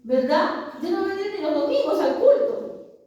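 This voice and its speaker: A woman's voice: very high voice, sing-song, moderate pace, warm tone, lo-fi sound. A woman preaching a sermon, asking her congregation questions and calling them brothers. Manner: asks the congregation rhetorical questions; addresses listeners as brothers. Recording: very echoey room, voice far from mic.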